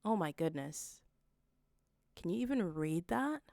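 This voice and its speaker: Woman streamer, casual read-aloud commentary, slow delivery, dry close-miked sound. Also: on the low side, lively intonation, gravelly, a little mellow, no room sound. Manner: unhurried, reacts with disbelief and exclamations.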